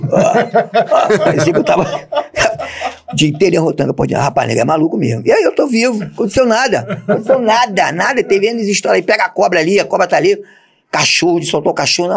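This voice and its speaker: A man, a police officer telling coarse, animated stories on an interview show and acting out the voices of others. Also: a little high, gravelly, husky. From Brazil. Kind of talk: casual storytelling interview.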